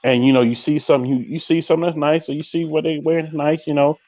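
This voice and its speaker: A man hosting a live podcast, chatting casually and telling stories in a slangy, animated way, acting out quoted lines. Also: fairly high pitch, quick pace, dry recording, muffled recording. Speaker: podcast host. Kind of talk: casual live-stream chat.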